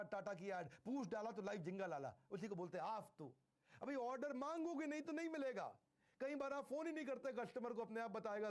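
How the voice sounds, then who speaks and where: A man giving a motivational sales lecture, stressing key phrases by repeating them slowly and mixing in English. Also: high-pitched. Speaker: sales trainer.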